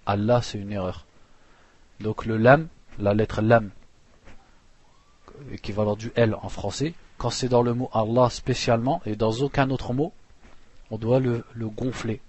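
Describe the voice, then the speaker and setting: Low husky man teaching a lesson. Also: fairly even intonation, a little mellow. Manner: reads Arabic passages quickly, then explains slowly with restarts; clears throat now and then. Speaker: religious teacher. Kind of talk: lesson explaining a text, reading Arabic then explaining in French.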